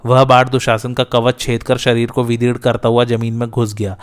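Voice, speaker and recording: A man narrating an ancient epic battle story in a steady, measured reading. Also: medium pitch, smooth.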